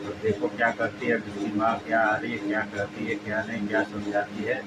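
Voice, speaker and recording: A man's voice: on the low side, completely flat delivery, fairly quick, highs cut off. A man narrating to viewers and urging them to watch to the end and share. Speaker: video narrator. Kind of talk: casual commentary to viewers. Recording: loud background noise.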